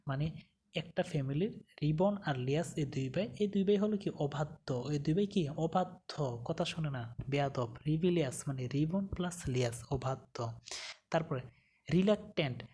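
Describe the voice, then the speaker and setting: A woman's voice: low voice, moderate pace, mellow, breathy edge. A woman teaching a vocabulary lesson, asking questions and answering them herself. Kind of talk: vocabulary lesson with memory tricks.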